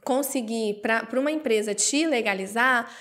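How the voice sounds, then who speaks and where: Brazilian lady telling her story in an interview, kinda high voice, acts out the quotes. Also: normal speed. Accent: Brazilian Portuguese. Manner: animated, acts out quoted voices with jumps in pitch. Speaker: interview guest. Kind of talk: personal storytelling in conversation.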